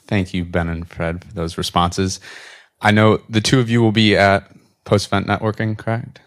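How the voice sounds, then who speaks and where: A man's voice: fairly low pitch, fairly even intonation, normal speed. A man moderating a conference panel, taking questions and announcing the schedule. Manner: announcing logistics to the room. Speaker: event host and moderator.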